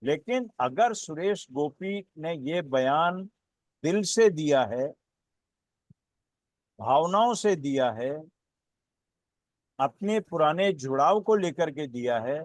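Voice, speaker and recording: A man speaking as a political analyst on a panel, building his points in a measured way with repeated phrases. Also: fairly high pitch, expressive, no echo. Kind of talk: panel discussion commentary.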